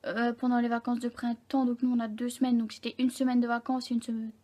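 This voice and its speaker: A young woman speaks to camera in a vlog, telling a personal story. Her voice sits a little high but has a soft, mellow tone. She talks candidly and haltingly, often stopping to correct herself. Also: level tone. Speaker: vlogger.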